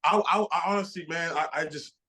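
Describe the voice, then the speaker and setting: A man in his late twenties, a bodybuilder guest, answering interview questions in an excited way with many repeated starts. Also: a little high, brisk, low-quality recording. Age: 20s.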